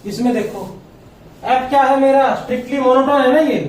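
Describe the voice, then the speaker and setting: A man's voice: very high voice, a little fast, a little hiss or hum. A male math teacher giving a classroom lecture, explaining step by step and checking often whether students follow. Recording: echoey room, voice from far off.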